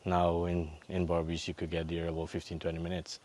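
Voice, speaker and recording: A Guyanese man, a former cricketer, talks casually in an interview, often stumbling and repeating words. His voice is very deep and stays flat, with little rise and fall. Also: quick pace.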